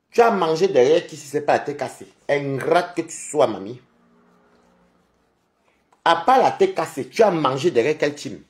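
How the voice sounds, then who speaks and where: A man's voice: mid-range voice, darkish tone. A tired, sleepy man hosting a live stream, ranting at a rival and repeatedly calling her out with taunts. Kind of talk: confrontational live-stream rant. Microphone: phone.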